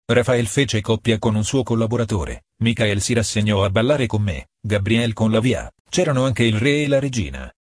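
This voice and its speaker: A man narrating an audiobook in a calm, measured reading voice. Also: lowish voice, slightly rough, no echo, clean studio sound.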